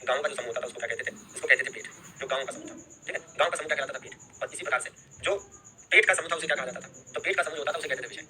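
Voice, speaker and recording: Teaching history in a live online class, a young man speaks very fast at a medium pitch, bright and forceful. Key terms get repeated, and he checks in with students after each point.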